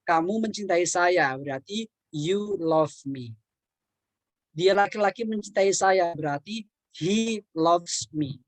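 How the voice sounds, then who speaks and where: A man's voice: sits high, slow pace, dry recording. Patient man teaching English, dry close sound. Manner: patient, repeats words and examples, clears throat often. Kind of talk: online English lesson explained in Indonesian.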